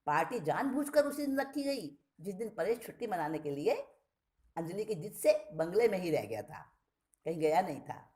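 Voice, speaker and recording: A woman reading a short story aloud, expressive and often restating a word with a plainer synonym. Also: on the low side, normal speed.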